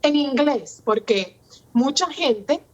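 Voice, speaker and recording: A woman's voice: high voice, expressive, takes it slowly, soft background music. Earnest woman with eastern Cuban accent. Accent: eastern Cuban Spanish. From Santiago de Cuba. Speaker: guest. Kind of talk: casual interview chat. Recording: slightly dull, muffled sound.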